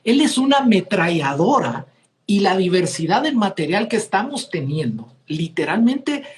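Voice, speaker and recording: A man hosts an interview podcast, speaking in a relaxed, conversational way. He reacts with eager enthusiasm and praises his guest often. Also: high-pitched, normal speed. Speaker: podcast host. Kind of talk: casual interview talk.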